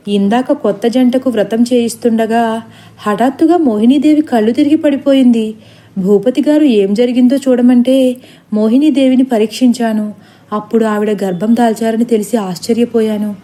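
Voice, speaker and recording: A woman's voice: on the high side, dark tone, close to an everyday voice. A woman voicing a worried middle-aged father who turns furious at his son, in a storybook reading.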